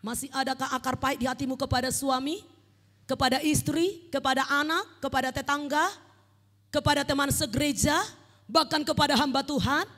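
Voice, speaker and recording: A woman preaching a fervent sermon with a North Sumatran Indonesian accent, swinging between shouting and quiet urging. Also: sits high, fairly even intonation, fairly quick. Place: church hall. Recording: long church hall reverb.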